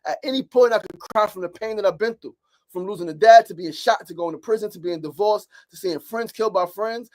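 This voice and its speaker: High-voiced emphatic New man. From South Jamaica, Queens, New York. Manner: emphatic and preachy, repeats rhetorical questions. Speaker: show host. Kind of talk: motivational livestream talk, reading viewer comments.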